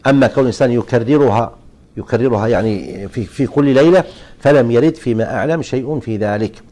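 A middle-aged man in a scholar's lecture, answering questions one by one. He speaks at a mid pitch in a calm, measured way, pausing and restarting as he explains. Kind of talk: lecture Q&A on jurisprudence.

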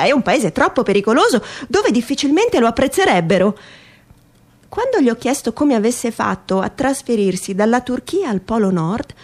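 With a voice on the high side, a woman performs a funny first-person essay as a theatrical reading. Her delivery is wry and mock-earnest, full of expression.

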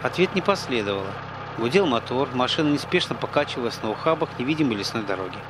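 A man narrating an audiobook in a steady, even storytelling manner on a close microphone. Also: medium pitch, quick pace, noisy background. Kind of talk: scripted narration.

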